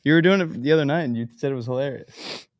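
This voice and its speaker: A young man hosting a casual chat, relaxed and easily amused, with lots of fillers. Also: medium pitch, fast, no room sound. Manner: laid-back, laughs easily, lots of fillers. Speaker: host.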